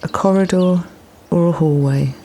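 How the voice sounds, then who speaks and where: In a soft, breathy voice that often drops to a near-whisper, a female relaxation practitioner guides a meditation. Her pitch is fairly low, and she soothes and gently instructs, leaving unhurried pauses.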